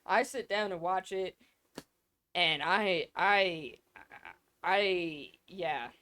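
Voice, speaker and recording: A woman's voice: lowish voice, very slow. Rambling, swearing woman podcast co-host. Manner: swears freely, excitable, rambling. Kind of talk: casual chat.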